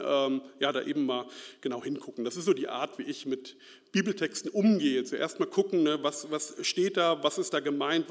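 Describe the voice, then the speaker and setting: Guy preaching, bit higher voice, lots of ähms and ne's, echoey hall. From Central Hesse, Germany. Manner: chatty and self-deprecating, many fillers and tag questions. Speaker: lay preacher. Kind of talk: informal sermon. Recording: reverberant hall.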